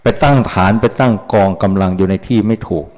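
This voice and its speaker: A Buddhist monk giving a casual dharma talk, blunt and folksy, often drifting off the point. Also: male voice, fairly low pitch, fairly quick, a little mellow.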